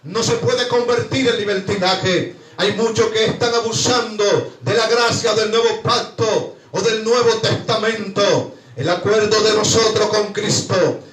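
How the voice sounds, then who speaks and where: High-voiced fervent male pastor preaching. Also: fairly even intonation, measured pace. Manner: fervent preaching, rising to shouts. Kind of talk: sermon. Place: church hall. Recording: echoey church hall from far off.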